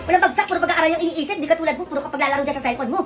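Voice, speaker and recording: A woman performs a comedic family skit, scolding in an exasperated way. Her voice sits high and she talks very fast. Loud music plays behind her. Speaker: comedy skit performer playing mother and child.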